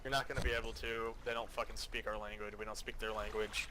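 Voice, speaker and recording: Over online game voice chat, a foul-mouthed, bossy squad leader improvises a mission briefing in a fairly low, level voice at a quick pace. Loud background noise and game ambience fill the recording.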